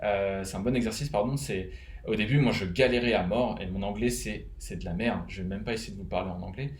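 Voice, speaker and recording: Hesitant French man, low voice, echoey room. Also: a little fast. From France. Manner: rambling, hesitant with many fillers. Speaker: web developer vlogger. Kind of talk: casual advice vlog. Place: home, living in Canada.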